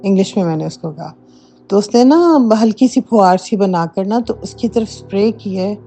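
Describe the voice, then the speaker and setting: Mellow-voiced middle-aged woman telling a story. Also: medium pitch, lively intonation. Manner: emphatic, conversational storytelling with frequent fillers. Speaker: listener sharing a personal story. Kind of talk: casual spoken account of a true haunting. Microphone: home voice note. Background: faint background music.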